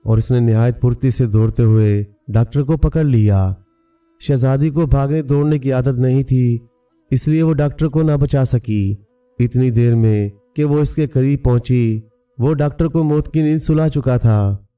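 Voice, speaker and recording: A man narrating a fairy tale in a measured, even storybook reading. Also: mid-range voice, clean tone. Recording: distant mic, faint music.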